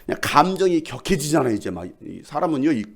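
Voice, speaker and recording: Animated, high-voiced male pastor. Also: quick pace. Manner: animated, shouts and jokes with the congregation. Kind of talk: lively sermon. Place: church sanctuary.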